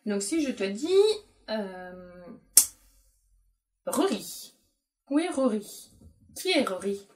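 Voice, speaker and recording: A woman's voice: mid-range voice, big pitch swings, takes it slowly, a little mellow, far from the mic. A woman educator explains a syllable game to parents and plays it patiently with a young child, praising often. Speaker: educator presenting a learning game.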